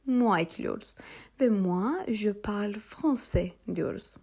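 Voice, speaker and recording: Woman from Turkey, patient French teacher, gravelly and breathy, lively pitch, repeats phrases slowly. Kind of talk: language lesson narration.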